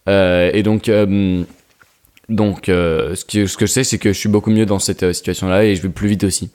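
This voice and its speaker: A young man with a somewhat low voice talks casually on a podcast. He is relaxed, pauses often and fills the gaps with hesitations. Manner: relaxed, hesitant, many fillers. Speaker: podcast co-host.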